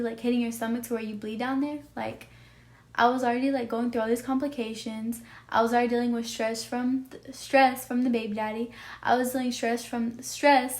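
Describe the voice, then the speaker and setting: A nineteen-year-old woman telling a personal story in a vlog, emotional and rambling, full of "like" and "you know". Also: fairly high pitch. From Texas. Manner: emotional, rambling, heavy use of "like". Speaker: vlogger.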